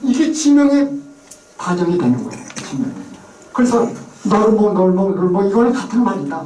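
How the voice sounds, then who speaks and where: A man's voice: sits high, sing-song, normal speed, mellow, slight background noise. A man giving an informal, chatty lecture who often imitates regional pronunciations. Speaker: lecturer on place names. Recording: echoey room, mic far away.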